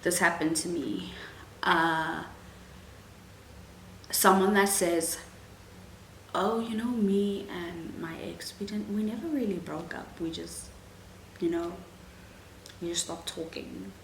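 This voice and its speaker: A young woman with an Afrikaans first language speaks slowly in a fairly low, gravelly voice. She's a vlogger answering viewer questions in a casual Q&A chat, chatty and frank, with lots of "like"s and "um"s. The room is echoey, with a faint hum in the background.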